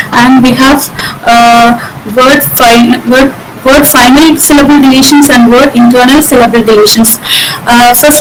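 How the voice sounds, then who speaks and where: A woman presenting a linguistics lecture, hesitant with frequent fillers and slowing down on example words. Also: high voice, noisy background.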